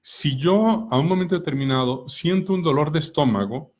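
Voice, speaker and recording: A middle-aged man, co-hosting a personal growth talk. He explains calmly through examples and rhetorical questions. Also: a little high, moderate pace. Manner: calm, explanatory, asks many rhetorical questions.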